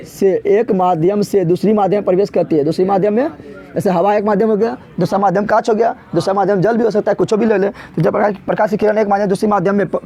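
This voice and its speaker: Fast, high-voiced man drilling a physics class. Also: mellow. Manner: call-and-response drilling, repeats each answer; rustic colloquial Hindi with village comparisons. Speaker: physics teacher. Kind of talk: classroom revision lecture. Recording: dull lo-fi recording.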